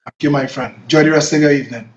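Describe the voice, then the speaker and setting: A man's voice: fairly high pitch, fairly even intonation, very fast. A man from Trinidad and Tobago with a Trinidadian accent, hosting an online political talk show and closing with a fervent, preacherly appeal. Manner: impassioned, preacherly sign-off. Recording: dull, roomy lo-fi stream audio.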